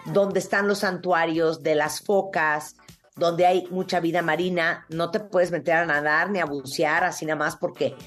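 Lively Mexican woman hosting a talk show. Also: lowish voice, moderate pace, soft background music. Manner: lively, animated, jumps into loud imitations. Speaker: radio host. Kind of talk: casual talk show chat.

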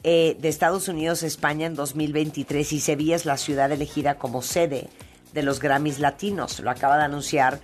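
Woman, native english speaker, low voice, chatty host, upbeat ad reads, soft music bed. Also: fairly even intonation, fairly quick. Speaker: radio show host. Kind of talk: casual radio chat with ad reads.

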